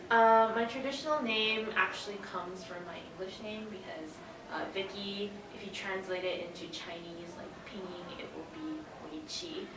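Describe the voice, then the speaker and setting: A young Canadian woman gives casual, thoughtful interview answers, hesitating now and then in her phrasing. Her voice is mid-range, at a normal speed with few pauses. The distant microphone picks up an echoey, noisy room.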